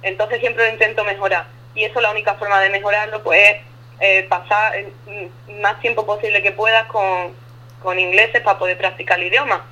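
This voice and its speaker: A woman's voice: medium pitch, level tone, brisk, bright, forceful tone, highs cut off. A woman from southern Spain with a lisping Andalusian accent that drops letters, chatting colloquially as an interview guest over a remote call. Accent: Andalusian, from Ubrique. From Ubrique, Andalusia, Spain. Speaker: interview guest living abroad. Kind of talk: casual phone interview.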